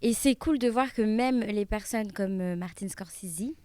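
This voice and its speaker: A woman's voice: mid-range voice, unhurried, darkish tone. A woman chatting casually as a podcast co-host.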